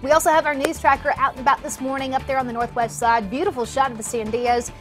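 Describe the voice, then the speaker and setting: A woman's voice: high voice, fairly even intonation, fast talker, a bit bright, soft background music. A woman presenting weather and traffic updates in a conversational broadcast style.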